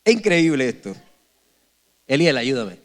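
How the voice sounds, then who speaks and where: A man's voice: medium pitch, very animated, measured pace. A man in his forties, a pastor, preaching a sermon to his congregation in a church, telling stories animatedly and joking with the people, often restarting his phrases. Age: 40s. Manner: frequent self-corrections and restarts. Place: church sanctuary before a congregation.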